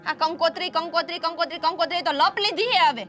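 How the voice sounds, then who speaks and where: A woman's voice: very high-pitched, quick pace, fairly bright tone, soft background music. A woman playing a defiant younger daughter who argues with her family. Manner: defiant, argumentative. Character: stubborn younger daughter insisting on marrying first. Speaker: younger sister. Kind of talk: family drama acting.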